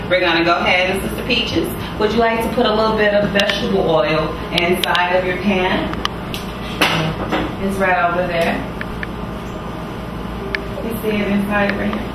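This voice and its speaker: A cooking show host with a medium-pitched voice and fairly even intonation talks at a normal speed but pauses often, walking viewers through each step in a kitchen. Her manner is chatty and folksy, with frequent "gonna go ahead," and the distant-mic recording is very noisy, echoey, and full of loud music.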